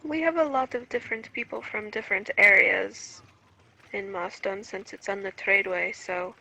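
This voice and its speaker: A woman's voice: mid-range voice, moderate pace, vocal fry, bright, forceful tone, poor audio. A woman playing a tabletop game who speaks in a hesitant, polite way with many fillers. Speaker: player.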